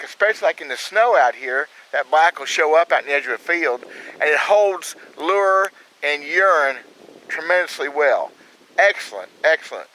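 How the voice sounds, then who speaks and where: A man's voice: on the high side, pushed and bright, poor audio. Folksy Southern man outdoors in the cold. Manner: folksy and plain-spoken, drawled asides. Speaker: trapping channel host. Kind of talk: casual outdoor how-to talk.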